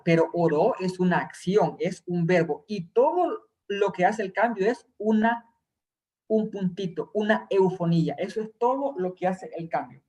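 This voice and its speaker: A man's voice: sits high, darkish tone. A man teaching a recorded Hebrew grammar class, explaining terms patiently and reassuring his students.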